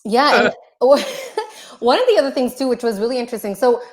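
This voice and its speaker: A woman's voice: a little high, big pitch swings, a little fast. A woman hosting a casual interview, enthusiastic, with many "you know" fillers. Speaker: interviewer host.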